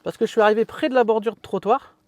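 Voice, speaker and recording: Man, car vlog host, high pitch, dry close sound, jokey asides, easygoing walkthrough. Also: steady tone, fast talker, a little mellow, dry recording. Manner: chatty, joking, self-mocking asides. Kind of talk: casual product walkthrough. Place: inside a parked car.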